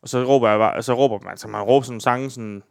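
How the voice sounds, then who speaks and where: A man's voice: mid-range voice, steady tone, creaky, dry recording, studio quality. A man co-hosting a podcast, telling crude, rambling stories in casual chat with lots of hesitation. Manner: rambling, crude storytelling with many fillers. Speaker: podcast co-host.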